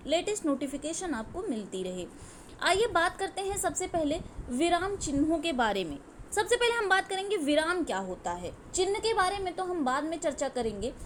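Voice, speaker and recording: A woman's voice: very high voice, a little hiss or hum. A woman teaching a grammar lesson to exam students, explaining step by step and often checking in with "okay". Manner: explanatory, repeats "ठीक है" often.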